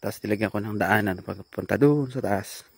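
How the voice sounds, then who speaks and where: A man's voice: fairly low pitch, fairly quick, gravelly, breathy edge, no room sound. A man vlogging from his farm outdoors, chatting casually to viewers and calling out to his carabao. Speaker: farmer vlogger. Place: outdoors on a farm among trees. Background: insects and animals.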